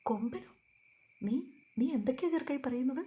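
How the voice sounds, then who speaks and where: A woman's voice: a little high, moderate pace, warm tone, close to an everyday voice. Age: middle-aged. Figure: woman reading a fawning, scheming uncle. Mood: alarmed. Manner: gushing, overdone sympathy.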